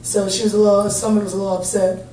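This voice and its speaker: Facing reporters after a game, a female head basketball coach in her thirties talks very fast, steady, direct and upbeat, at medium pitch. A table mic across the large room, heard through a distant camera, picks her up with echo, a faint hum and a crowd in the background.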